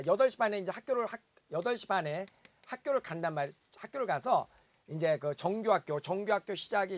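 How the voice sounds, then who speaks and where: A man giving a lively seminar lecture, telling stories and acting out the voices of parents. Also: high voice, no echo. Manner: animated storytelling, acts out parents' voices, exclaims.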